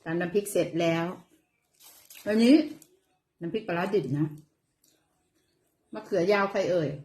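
A woman's voice: lowish voice, steady tone, normal speed, mellow. A middle-aged woman with an Isan Thai accent chats casually as she eats, chewing while talking and humming over her food. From Thailand. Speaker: host of an eating vlog. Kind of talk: casual chat while eating. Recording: echoey, roomy sound.

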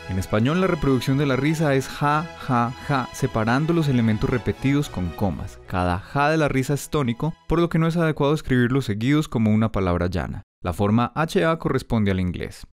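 A man's voice: medium pitch, darkish tone, no echo. Man, explainer narrator, wry and playful, scripted studio read. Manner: playful, wry delivery with mock questions.

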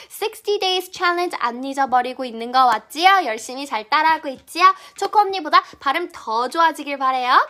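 A young woman teaching English pronunciation to children, cheerful and encouraging, saying model words slowly for them to repeat. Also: sits high, bright, forceful tone. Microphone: phone or camera close up, vertical video.

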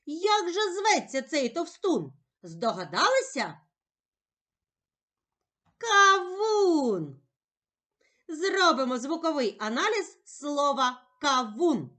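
A woman teacher speaking slowly and carefully in a sing-song voice, giving a reading lesson for young children. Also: sits high, big pitch swings, fairly bright tone. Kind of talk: slow, clearly articulated children's reading lesson.

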